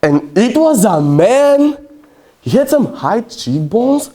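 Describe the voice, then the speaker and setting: A brash young womanizer spins a story on himself, performed by a young man whose first language is Bulgarian. The tone is dark and mellow, with dramatic swells and sudden loud bursts. It is delivered as a competitive prose interpretation. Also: medium pitch, lively intonation, normal speed, natural voice. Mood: wry, bemused. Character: brash self-mocking young male womanizer.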